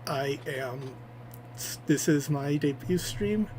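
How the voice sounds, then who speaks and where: A man's voice: on the high side, slow, darkish tone, a little hiss or hum. Nervous man on a livestream mic. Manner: nervous, rambling, self-deprecating. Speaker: VTuber streamer. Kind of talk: debut livestream self-introduction. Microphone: streaming microphone.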